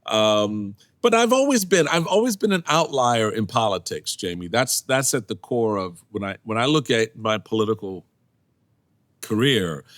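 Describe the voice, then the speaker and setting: A man in his sixties, a guest in a casual interview, telling lively stories and acting out what people said, laughing often. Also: on the low side, normal speed, no echo, studio quality. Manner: animated storyteller, acts out quotes, laughs often. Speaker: podcast guest, former party chairman.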